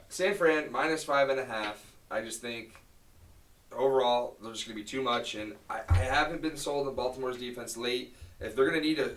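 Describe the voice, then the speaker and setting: A man co-hosting a sports podcast, giving game picks in casual, excitable chat and swearing freely. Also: medium pitch, recorded from a distance, slight background noise. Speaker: podcast co-host.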